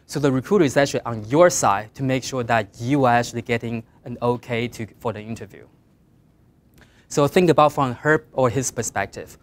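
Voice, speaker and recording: A middle-aged guest speaker with a Mandarin Chinese accent, using English as a second language, gives design students earnest, plain career advice. His medium-pitched voice rises emphatically on key points and trails off quietly at the ends of phrases.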